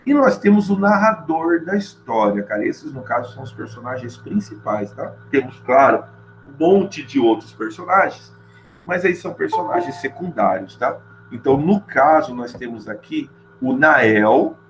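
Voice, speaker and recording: A middle-aged Brazilian man explains a novel to students in a relaxed, conversational lesson. His voice sits at an everyday middle pitch, and he keeps tossing in little check-ins as he goes. A faint hum runs underneath the recording. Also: moderate pace, poor audio. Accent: Brazilian Portuguese. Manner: chatty and informal, keeps checking in with "tá?". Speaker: literature teacher. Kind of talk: casual classroom lecture.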